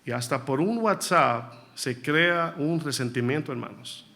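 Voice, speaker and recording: Slightly high-voiced preacher man. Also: a little slow, pushed and bright. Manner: conversational and storytelling, with frequent rhetorical questions to the congregation. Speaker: pastor. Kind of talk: sermon.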